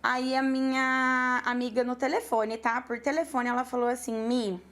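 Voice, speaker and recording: A woman in her thirties with a Brazilian accent tells her students a story from her work as a makeup artist. She talks in an animated way and acts out every exchange in quoted dialogue. Her voice sits a little high. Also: normal speed. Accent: Brazilian Portuguese. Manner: lively, animated retelling with quoted dialogue and laughs.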